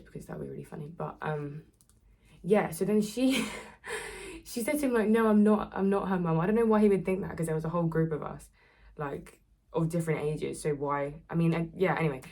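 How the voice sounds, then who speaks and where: Young woman with a low gravelly voice. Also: quick pace, a little mellow. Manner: chatty, rambling, lots of "like". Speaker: influencer. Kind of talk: casual storytime chat. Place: home, doing beauty routine.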